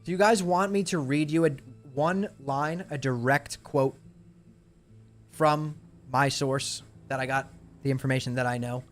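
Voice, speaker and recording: A young adult man with a mid-range voice chats casually with his live stream viewers while losing his voice. His tone is steady and a little slow, and his manner is laid-back and talkative as he responds to chat.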